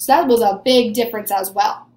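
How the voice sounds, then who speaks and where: A fairly quick, high-leaning female voice with a darkish tone and noticeable reverb. She's an early elementary teacher in her twenties giving an animated read-aloud lesson, encouragingly posing questions and answering them as though her young pupils had replied. A webcam or camera at desk distance picks her up in a small room.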